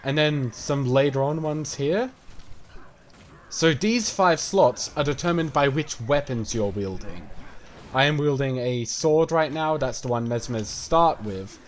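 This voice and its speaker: A man's voice: mid-range voice, animated, a little slow, slight background noise. A man casually explaining a game while playing it, rambling and swearing as he talks. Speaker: game streamer. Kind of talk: gameplay commentary.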